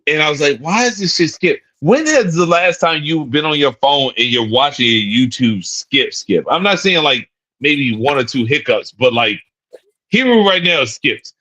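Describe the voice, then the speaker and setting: A man's voice: on the high side, sing-song, normal speed, bright, forceful tone, low-quality recording. A man co-hosting a casual podcast, rambling and repeating words, with slang and swearing. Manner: profane, slangy. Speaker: podcast co-host.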